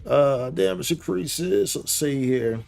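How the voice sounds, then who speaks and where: He speaks slowly and expressively, his fairly high voice creaky yet a little mellow. Streaming his gameplay with music playing in the background, the man riffs casually in slang and keeps calling the game and his viewers "dude" and "boy."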